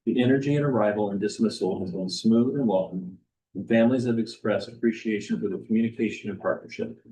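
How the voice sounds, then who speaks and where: Low-voiced man reading a report. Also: quick pace, a little hiss or hum, rough recording. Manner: steady, reads quotes aloud. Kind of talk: meeting report, reading aloud.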